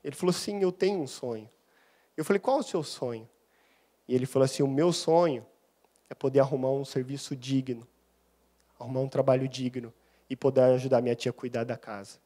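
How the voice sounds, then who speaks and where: A man's voice: medium pitch, fairly quick, pauses often. A young adult man, a deacon giving a sermon built on personal testimony and acting out the dialogue as he tells it. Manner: animated storyteller, acts out dialogue. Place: church.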